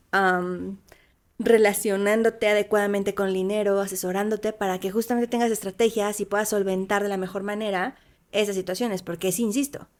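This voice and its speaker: Woman, financial-advice podcast co-host, medium pitch, conversational and explanatory. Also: a little mellow. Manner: explanatory, conversational, many fillers like "o sea". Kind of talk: casual podcast chat.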